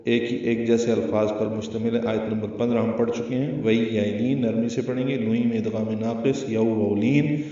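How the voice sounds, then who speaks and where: A man with a Pakistani Urdu accent teaching Quran recitation rules, explaining each sound slowly and carefully. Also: on the low side, level tone, dark tone. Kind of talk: tajweed lesson with chanted recitation. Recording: very echoey, distant, slightly muffled.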